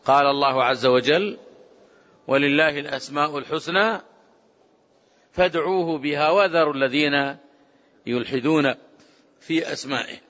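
Emphatic male scholar in an echoing hall. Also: on the high side. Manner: emphatic, rising to forceful exclamations; measured, drawn-out quoting of prayers. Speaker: Islamic scholar teaching. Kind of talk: religious lesson. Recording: dull lo-fi sound with long hall reverb.

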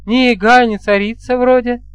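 A playful young bride with a raised, smooth voice, put on by a male audiobook reader. She speaks in light, coaxing, folksy phrases, and the sound is dry and close. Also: very high-pitched, fairly even intonation, moderate pace, no room sound, pitched above the performer's own voice. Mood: teasing.

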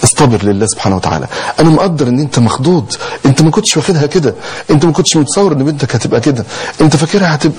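Brief: rapid-fire Egyptian man preaching, impassioned, a husky edge to his voice. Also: medium pitch, a little mellow, rough recording. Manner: impassioned exhortation with rhetorical questions. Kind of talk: sermon.

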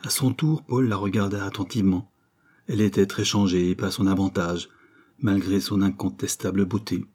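A man reading a novel aloud in steady, measured narration. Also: low voice, breathy edge. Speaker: audiobook reader.

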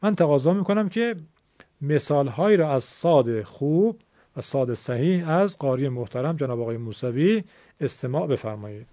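A man gives a radio pronunciation lesson, voice sitting a little high for a man. He explains patiently and sounds out letters slowly. The recording is dull and dry, like an old broadcast. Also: animated, dark tone, no room sound. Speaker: Quran recitation teacher.

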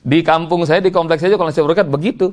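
A male preacher, telling a story in a lively sermon and talking to the congregation. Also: fairly high pitch, quick pace. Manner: lively storyteller, acts out voices, addresses the congregation.

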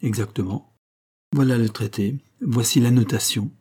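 A man voicing an excitable male government minister in an audiobook, with an emphatic, agitated delivery. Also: medium pitch, moderate pace, husky, close to an everyday voice. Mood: formal. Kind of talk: audiobook character reading.

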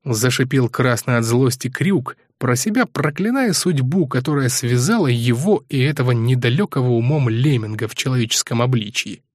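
A man narrating an audiobook in steady, measured scripted narration. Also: mid-range voice, no room sound, studio quality.

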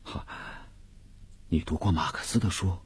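An actor playing a calm, unbending male revolutionary prisoner from Yiyang, in a measured, dignified radio drama voice. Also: low voice, husky. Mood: calm, earnest. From Yiyang, China.

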